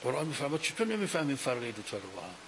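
A man's voice: medium pitch, rough recording. A man giving a religious lecture to an audience on a microphone, arguing his points through many rhetorical questions. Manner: animated, argumentative, asks rhetorical questions. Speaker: cleric lecturer. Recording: faint hiss.

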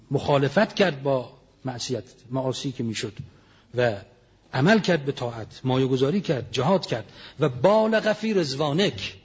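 A man with a somewhat high, husky voice delivers a religious sermon. He intones prayer passages slowly before explaining them. The recording sounds dull and lo-fi. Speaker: preacher.

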